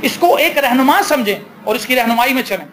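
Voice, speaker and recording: A man's voice: very high-pitched, animated, fairly bright tone, a little hiss or hum. A man with a Pakistani accent preaching as pastor, building to emphatic, rising bursts and slipping into Punjabi for quoted talk. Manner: slips into Punjabi for quoted dialogue. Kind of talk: sermon.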